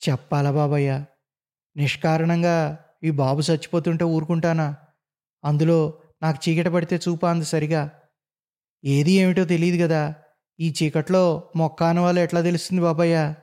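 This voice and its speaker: A man's voice: a little high, flat delivery, normal speed, pauses often, warm tone, natural voice. A man voicing a worried, stern old village healer in a spoken story. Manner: pleading, anxious.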